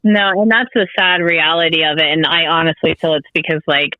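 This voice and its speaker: A man guesting on a podcast by call, musing in a thoughtful, measured way. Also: fairly high pitch, fairly even intonation. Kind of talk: casual podcast chat. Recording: tinny phone or call line.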